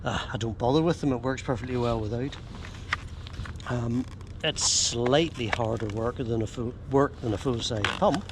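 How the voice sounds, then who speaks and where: A man's voice: mid-range voice, normal speed. An older man with an Ulster accent chats casually and easily to camera outdoors, explaining things with homely dialect words. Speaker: kayaking vlogger. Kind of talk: casual chat to camera while out kayaking. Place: outdoors by a slipway and on the sea in a kayak. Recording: outdoor recording with clear background noise.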